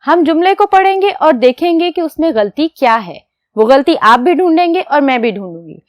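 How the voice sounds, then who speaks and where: This high-pitched woman delivers a classroom lecture to children in a very animated way, explaining step by step and asking questions she then answers herself. She dictates slowly while writing. The recording is clean studio sound with no room noise.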